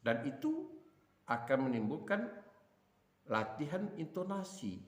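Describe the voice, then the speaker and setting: A man's voice: a little high, wildly swooping pitch, unhurried. A man teaching a class, explaining and demonstrating intonation on single words. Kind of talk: lecture on voice and acting practice. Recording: echoey room.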